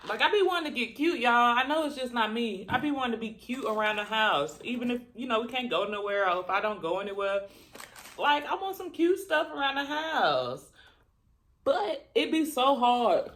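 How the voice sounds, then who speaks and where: A woman chatting casually and colloquially to viewers during a mukbang, chewing as she talks and pausing between bites. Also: a little high, lively intonation, a bit bright. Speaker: mukbang vlogger. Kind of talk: casual chat to viewers while eating.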